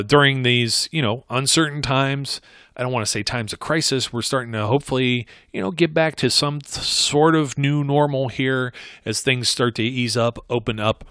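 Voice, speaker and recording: A man's voice: medium pitch, fairly bright tone, no room sound, studio quality. A man talking through marketing advice in a casual, rambling way, often restarting and correcting himself. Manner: rambling, conversational, frequent self-corrections.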